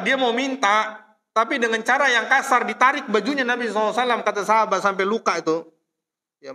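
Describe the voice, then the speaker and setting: Bright-voiced man preaching in a reverberant hall. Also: high-pitched. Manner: conversational, addresses listeners as "Pak", acts out quoted voices. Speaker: religious teacher. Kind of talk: mosque study sermon. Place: mosque hall.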